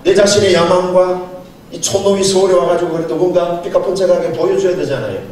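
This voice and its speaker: Middle-aged pastor man telling stories in a sermon, kinda high voice, big echoey hall from a distance. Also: fairly even intonation, fairly quick, a little mellow. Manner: storytelling, acts out dialogue, chuckles often. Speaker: pastor giving a seminar lecture. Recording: very echoey hall, mic far off, faint noise.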